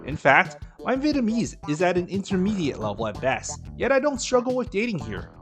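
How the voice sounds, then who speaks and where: A dating and language vlogger delivers scripted voice-over narration full of advice, his pitch animated and his pace fairly quick. His manner is steady and instructive, with music in the background.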